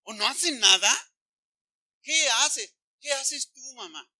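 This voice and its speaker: A man preaching a sermon as pastor, animated, questioning the congregation directly. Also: extremely high pitch, slow pace, no room sound. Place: church.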